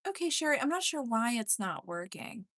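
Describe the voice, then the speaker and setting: A woman's voice: on the high side, sing-song, normal speed, fairly bright tone. A woman hosting a casual live stream spirit session, chatting to spirits and viewers by name and relaying replies aloud.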